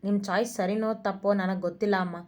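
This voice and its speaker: A woman's voice: mid-range voice, steady tone, quick pace, a little mellow, close to an everyday voice. A woman voicing a proud, blunt young man who is a devoted son, speaking firmly. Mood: earnest.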